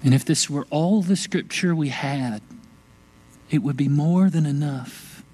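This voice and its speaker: A male pastor preaching a sermon in a church service, speaking slowly and deliberately and dropping to a hushed whisper on key words. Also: a little high, slightly rough. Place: church sanctuary during a worship service.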